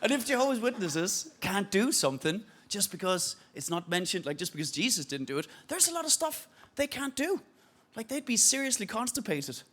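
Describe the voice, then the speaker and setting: A man in his thirties from Denmark doing a stand-up set, speaking English with an Irish-sounding accent, animated and quick to break into silly voices. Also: high-pitched, a little hiss or hum. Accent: Danish speaker with an Irish-sounding English accent. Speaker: stand-up comedian. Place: TV studio stage with live audience. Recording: loud audience laughter behind.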